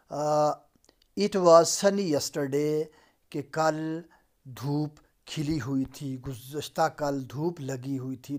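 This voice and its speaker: A man lecturing in a recorded lesson over slides, repeating and translating each sentence step by step. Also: fairly high pitch. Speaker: Persian lecturer.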